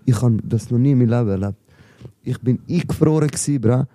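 A man's voice: medium pitch, fast talker, dark tone, dry recording, clean studio sound. A young man with a Swiss German accent, telling stories in casual, slangy chat and calling his friend bro. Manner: slangy storytelling, says bro a lot. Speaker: podcast guest, rapper.

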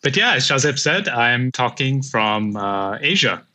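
A man from Pakistan in his thirties appears as a guest on an interview podcast. His voice is bright and forceful, and he tells his story in a measured, reflective way. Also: mid-range voice, big pitch swings. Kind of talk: casual interview.

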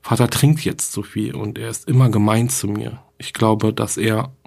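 A man's voice: fairly low pitch, steady tone, normal speed, gravelly, darkish tone, breathy edge. A man reading the diary entries of a frightened young schoolgirl who writes to her dead mother.

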